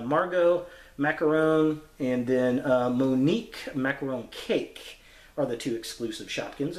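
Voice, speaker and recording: A man hosting a casual toy review video, talking in a relaxed, rambling way with lots of fillers. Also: medium pitch. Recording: echoey room.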